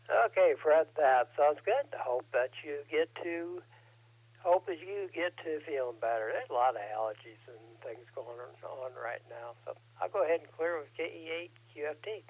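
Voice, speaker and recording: Higher-voiced man hosting a muffled radio net. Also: lively intonation, normal speed. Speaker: radio net control operator, host. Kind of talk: amateur radio net check-in chat. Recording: muffled narrowband ham radio audio.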